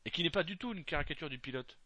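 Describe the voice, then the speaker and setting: A man's voice: fairly high pitch, expressive, racing, bright, forceful tone, no echo. A man commenting casually on a film with a co-host, joking crudely and restarting his sentences often.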